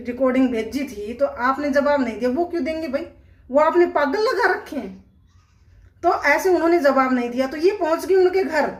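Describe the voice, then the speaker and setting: Reverberant and high-voiced, this vlogger speaks straight to her audience about a family dispute. Her commentary is casual but indignant, peppered with rhetorical questions.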